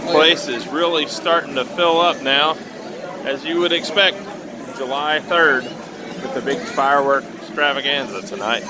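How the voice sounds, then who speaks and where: A vlogger with a fairly high-pitched voice gives casual running commentary, speaking a little slowly. He's outdoors at a busy baseball stadium, and the recording is noisy with a loud crowd and music in the background.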